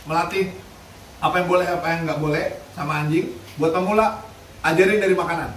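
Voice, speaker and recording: A man's voice: on the high side, steady tone, brisk, fairly bright tone. A man chatting casually, giving blunt, joking advice on dog training and care. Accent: Indonesian. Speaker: dog rescue activist. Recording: roomy, distant mic, faint noise.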